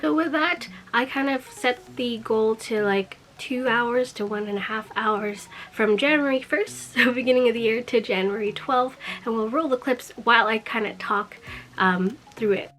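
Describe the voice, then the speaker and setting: A young woman who has just woken up chats in a casual vlog while getting over a cold, sounding quiet and sleepy, with plenty of fillers and little laughs. Her voice is a little high at a normal speed, and the recording quality is low.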